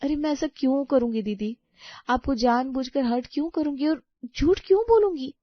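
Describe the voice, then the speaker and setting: A gentle, patient young daughter-in-law, voiced by a woman in a cartoon story, speaking politely and pleading her case. The sound is dry and close, slightly dull. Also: medium pitch, a little fast, dry recording, lightly acted. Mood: anxious. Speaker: voice actor.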